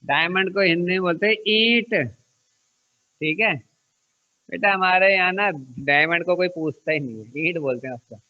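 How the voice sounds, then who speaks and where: A man's voice: high voice, moderate pace, pauses often, pushed and bright, highs cut off. A man teaching a math lesson to children, asking them questions and answering them himself, joking now and then and repeating key numbers. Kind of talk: classroom-style math lesson.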